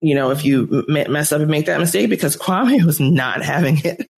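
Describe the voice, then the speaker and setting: A woman in casual podcast chat who talks slowly and hedges with trailing likes. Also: deep voice, creaky, a little mellow, breathy edge.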